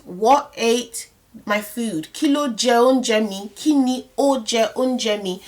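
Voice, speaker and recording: A woman teaching a language lesson, explaining step by step and repeating example phrases slowly, checking in often with the listener. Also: fairly high pitch, fairly bright tone.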